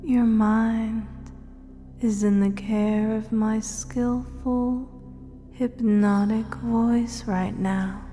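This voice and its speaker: A woman speaking as a hypnotist in a guided hypnosis recording, slow and soothing, slipping often into soft whispers. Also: on the high side, fairly even intonation. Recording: long reverb with faint music behind.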